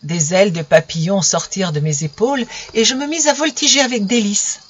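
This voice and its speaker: A woman reading a fairy tale aloud in an expressive, dramatic storybook style, in a dull lo-fi recording. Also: mid-range voice, fairly quick, a little hiss or hum.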